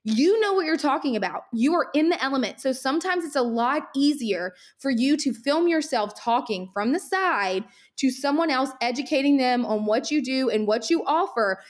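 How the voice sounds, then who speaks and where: A young woman hosting a solo podcast, her voice a touch higher than most. She talks at great speed and in an animated, motivational way, a little out of breath from the rush. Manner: energetic, animated, talks very fast. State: winded. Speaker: podcast host, social media marketer.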